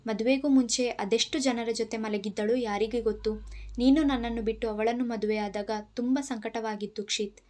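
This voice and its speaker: A woman's voice: fairly high pitch, steady tone, moderate pace, warm tone, close to an everyday voice. A woman voicing a scheming, spiteful young woman in an audio story, talking in a gushing then catty way.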